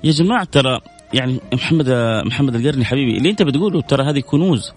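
Fast-talking radio host. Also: male voice, medium pitch, animated, soft background music. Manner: earnest, preachy, reading out listener messages. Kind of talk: radio call-in advice talk.

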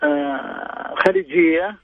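A man calling into a radio quiz, hesitant and slow to guess the answer. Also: sits high, breathy edge, dry recording, narrow, tinny audio. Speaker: radio caller.

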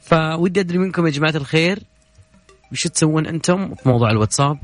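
A man's voice: on the high side, lively intonation, racing, faint music behind. A young man with a Saudi accent hosting a casual late-night radio call-in show, chatty and joking as he reads listener messages aloud. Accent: Saudi Gulf Arabic. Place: radio studio. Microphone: studio microphone.

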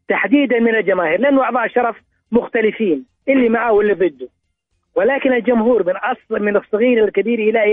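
A man's voice: sits high, no room sound. A man calling in to a radio sports show over the phone, arguing his point with stumbling restarts and repeated words. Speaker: radio call-in caller. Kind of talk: call-in sports debate. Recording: tinny phone line, dry.

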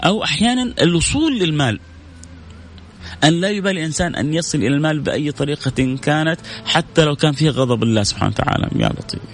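A man's voice: on the high side, animated, rapid-fire. A man preaching in a live-streamed religious talk, speaking to his listeners directly and repeating phrases for emphasis. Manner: conversational, addresses listeners directly.

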